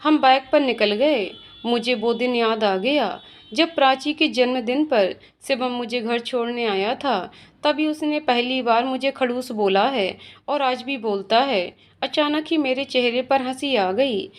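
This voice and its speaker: A woman's voice: a little high, a little slow. Young woman narrating a heartfelt story. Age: young adult. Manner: expressive, playing every role herself. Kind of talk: first-person story narration.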